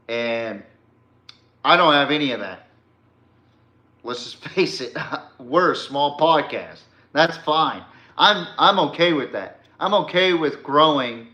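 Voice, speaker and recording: Recorded in an echoey room, this Texan sports podcast host delivers a casual, opinionated rant that's blunt, emphatic and full of profanity. His medium-pitched voice sounds pushed and bright.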